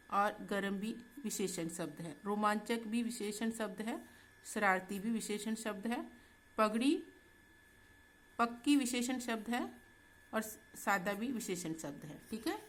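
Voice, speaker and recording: A woman teacher with a fairly high voice works through textbook exercises unhurriedly. She speaks very slowly and patiently, pausing to check in with her students. Faint noise hums behind her. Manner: slow, patient, checks in with "ठीक है". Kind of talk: Hindi textbook exercise lesson.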